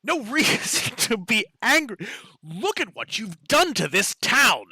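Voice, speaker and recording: A man voicing a shrill, accusing townswoman head. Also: moderate pace, gravelly, sharp tone, no room sound, exaggerated voice. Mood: angry, accusing. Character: tired, angry human woman's head of a two-headed creature.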